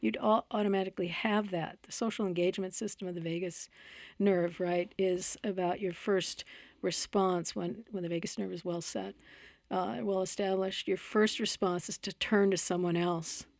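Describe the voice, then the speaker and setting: A woman researcher explaining ideas in a conversational interview, telling stories with lively energy and frequent restarts. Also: mid-range voice, moderate pace, vocal fry, dry recording. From United States. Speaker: researcher guest.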